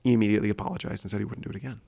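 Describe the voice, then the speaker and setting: A man's voice: fairly low pitch, fairly even intonation, very fast, gravelly, warm tone. A man hosting his own solo podcast, speaking earnestly and thinking aloud with fillers and restarts. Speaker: podcast host.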